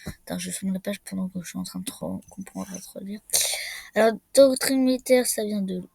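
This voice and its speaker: A young woman giving casual let's-play commentary as a gaming YouTuber, excitable and cursing, jumping between loud outbursts and muttering to herself. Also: medium pitch, normal speed, creaky, slightly rough, no room sound.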